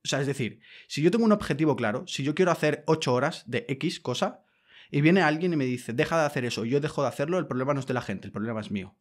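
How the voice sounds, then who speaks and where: A man's voice: on the high side, animated, fast. Guy from ranting on his podcast, blunt, swears a lot, pushy and emphatic. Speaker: podcast host. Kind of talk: casual monologue.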